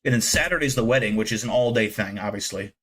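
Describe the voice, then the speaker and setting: A lowish, fairly bright voice at a quick pace belongs to a man in his thirties chatting with live-stream viewers. He wanders from subject to subject, profane and self-mocking.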